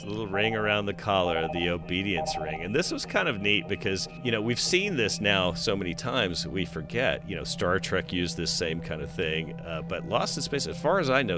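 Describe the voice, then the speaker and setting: A man hosting a podcast, casually retelling a TV episode's plot in detail and chuckling now and then. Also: low-pitched. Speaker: podcast host. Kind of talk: casual chat recapping a TV episode.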